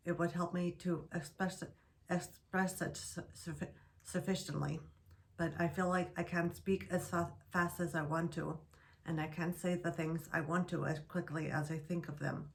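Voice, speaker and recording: A woman with a low, gravelly voice reads her prepared remarks slowly. Her speech halts and restarts words, and her tone stays flat and even throughout. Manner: slow halting speech with restarts. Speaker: guest sharing stroke recovery.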